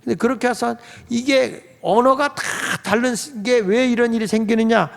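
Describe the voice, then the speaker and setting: High-voiced pastor preaching in a reverberant church. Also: male voice, fairly even intonation, moderate pace, creaky. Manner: conversational preaching, asks the congregation questions. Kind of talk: sermon. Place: church sanctuary.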